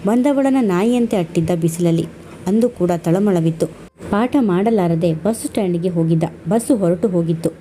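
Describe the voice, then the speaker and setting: A woman's voice: on the low side, moderate pace, mellow, slight background noise, poor audio. A woman reading a family story aloud as a storyteller, giving the dialogue light changes of tone. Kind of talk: scripted story narration.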